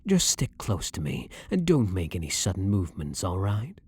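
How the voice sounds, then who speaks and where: This ASMR roleplay features a man voicing a blunt, brooding vampire hunter in full character, delivering a dramatic monologue softly to the listener. His tone is very low and husky, the phrasing slow and measured, while the pitch swoops wildly and expressively. Controlled and dominant yet reassuring, he is recorded with no echo.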